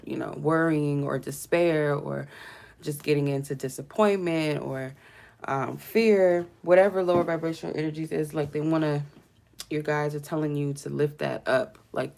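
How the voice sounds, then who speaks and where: Hosting a live tarot session while congested, this woman rambles through many fillers and lowers herself to soft murmured prayers between each card. She speaks in a low-pitched, creaky voice.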